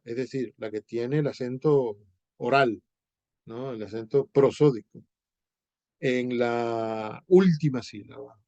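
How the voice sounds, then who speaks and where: Male Venezuelan teacher, informal lecture, acts out examples, slightly high voice. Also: dark tone, no room sound, dull audio. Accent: Venezuelan Spanish. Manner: explains with examples, acts out dialogues.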